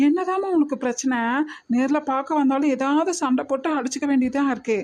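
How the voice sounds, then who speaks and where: A woman voicing a calm, protective young man in a cartoon, talking in a patient, gently scolding way. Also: high voice, brisk, lightly acted. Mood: pleading, exasperated. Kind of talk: cartoon voice acting.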